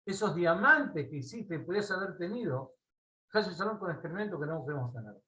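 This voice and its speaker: A man with an Argentine accent teaching a Torah class. He tells a parable in a lively way and often checks in with his listeners. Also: high voice, a little fast, low-quality recording. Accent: Argentine Spanish. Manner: animated storyteller, asks listeners "¿sí?" often.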